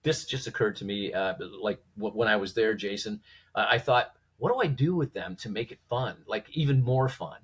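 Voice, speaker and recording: A man with a slightly husky voice telling stories conversationally as a guest, informally acting out quoted dialogue and posing rhetorical questions. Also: lowish voice, moderate pace. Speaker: podcast guest, former police trainer. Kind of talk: animated conversational storytelling.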